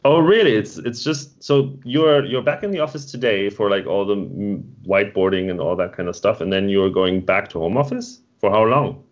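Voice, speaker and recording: A man's voice: on the low side, normal speed, hardly any pauses. A man co-hosting an online meetup stream, chatting casually and rambling as he reads and answers the chat. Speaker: meetup co-host. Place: home. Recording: dull lo-fi stream audio.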